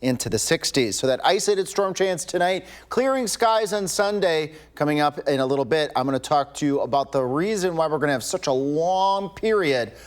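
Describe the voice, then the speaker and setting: Weather guy on local tv, slightly high voice, easygoing, talking off the map. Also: brisk, few pauses. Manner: relaxed, ad-libbed, some restarts. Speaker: chief meteorologist. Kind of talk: live weather forecast. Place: TV news studio.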